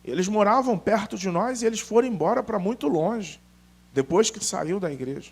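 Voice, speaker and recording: A male pastor, preaching in an unusually high voice that leaps up and down with lively emphasis. He tells stories and acts out the people in them. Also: moderate pace, gravelly, breathy edge. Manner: animated, emphatic, acts out dialogue. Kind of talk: storytelling sermon.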